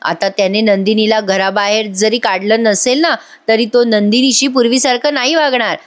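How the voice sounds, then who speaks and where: A woman's voice: on the high side, steady tone, moderate pace. A woman with a sore throat, recapping a TV serial episode and acting out the characters' lines with drama. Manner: retells scenes dramatically, voicing each character. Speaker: TV serial reviewer. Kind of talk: voice-over episode recap with acted quotes.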